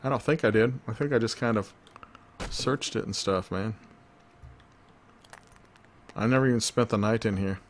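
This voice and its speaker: A man's voice: fairly low pitch, normal speed, long pauses, a little hiss or hum. A man hosting a let's-play gaming video, rambling and joking to himself as he plays.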